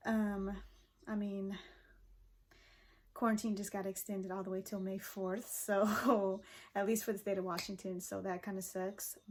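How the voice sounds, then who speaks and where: A relaxed young woman in her twenties talks her way through a makeup routine. She keeps it loose and chatty, with plenty of fillers and easy laughs, in a friendly mid-range voice. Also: mid-range voice. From Pacific Northwest of the US. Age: 20s. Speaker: hairstylist and vlogger. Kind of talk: casual chat while doing makeup.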